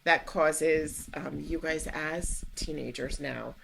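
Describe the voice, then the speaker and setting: A middle-aged woman from a school's wellness staff speaks in a deep, low register. Her voice carries a strong gravelly fry. She talks her ideas through in a thoughtful interview, over a faint noise floor. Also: steady tone, slow, a bit bright. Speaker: school mental health staff member. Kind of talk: conversational interview.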